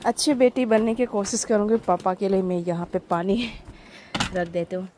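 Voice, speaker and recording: Against a noisy background, a young Northeast Indian woman from Arunachal Pradesh vlogs casually, describing village life in an easy, simple way. Her mid-range voice holds a steady tone at a moderate pace.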